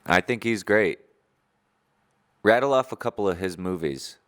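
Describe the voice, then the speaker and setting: A man co-hosting a casual podcast chat, rambling and joking with loud outbursts. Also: deep voice, lively intonation, unhurried, clear, resonant tone. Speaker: podcast co-host.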